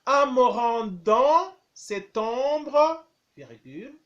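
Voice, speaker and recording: A high-voiced man dictates as a primary school teacher would, at an extremely slow pace. He repeats each phrase in small chunks and speaks the punctuation marks out loud. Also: animated, lo-fi sound. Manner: dictating deliberately phrase by phrase, punctuation spoken aloud.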